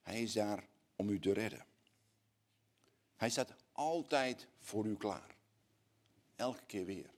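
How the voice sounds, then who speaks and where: Dutch-speaking preacher, hushed to fervent. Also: male voice, lowish voice, expressive. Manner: swings from hushed, slow passages to loud, rising appeals. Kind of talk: sermon.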